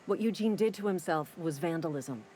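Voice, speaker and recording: A man voicing a gruff, cynical company-town clerk in video game dialogue, speaking curtly and sardonically. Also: on the high side, fairly quick, darkish tone, slight background noise, lightly acted, poor audio. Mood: curt, sardonic. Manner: curt, sardonic and impatient.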